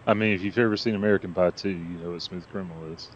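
A man with a fairly low voice comes through a helmet radio, muffled and dull. He gives short formation calls and drops dry jokes. Loud engine roar sits under every word. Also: fairly even intonation, very fast, heavy background noise. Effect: helmet radio transmission. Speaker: formation wingman.

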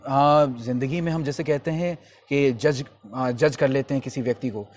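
A man's voice: medium pitch, steady tone, normal speed, darkish tone. A man hosting an interview, asking questions politely and often backing up the guest with short agreements. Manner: polite, frequent "जी" and "बिल्कुल" affirmations. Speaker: interview host.

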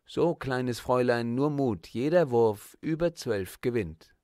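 A man's voice: mid-range voice, expressive, measured pace, no echo, studio quality, lightly acted. A man voicing a brusque fairground stall woman with a Berlin accent, in a storybook reading. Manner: loud, brusque, scolding.

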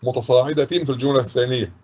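A man teaching a grammar lesson to schoolchildren with an Egyptian accent, patiently reading example sentences slowly and repeating them. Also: mid-range voice. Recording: husky voice, dull lo-fi recording.

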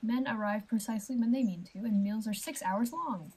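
A woman voicing a wistful, flattering male scholar friend with an Italian-tinged accent. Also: fairly high pitch, fairly quick, breathy edge, rough recording.

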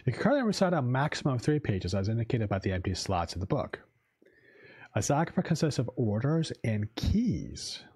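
A man's voice: mid-range voice, sing-song, brisk, a little mellow, breathy edge. A man streaming a card game, casually commenting and reading the game's text aloud as he muses. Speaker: game streamer and English teacher.

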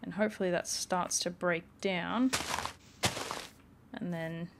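A woman's voice: fairly low pitch, fairly even intonation, slow pace, very noisy. A woman gaming YouTuber giving casual, rambling let's-play commentary with lots of "like" and "um" as she plays. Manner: chatty, rambling, many "like" and "um" fillers.

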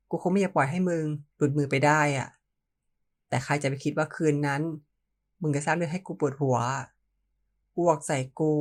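A man's voice: on the high side, natural voice. A reader voicing a confident young man who teases and coaxes his partner in an audio novel. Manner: teasing, coaxing, informal.

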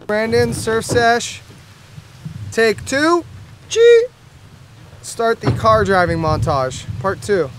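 A man's voice: high-pitched, sing-song, slow, long pauses. A young man bantering casually in joking, slangy surfer talk, picked up on a camera mic outdoors. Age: young adult. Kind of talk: casual banter in a surf vlog. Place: outdoors by cars and roadside. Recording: noisy outdoor camera audio.

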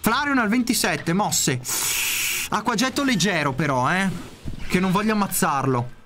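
A man commentating his own video game play in casual speech, excitable, swearing often and yelping in sudden outbursts. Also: high-pitched, normal speed, faint music behind.

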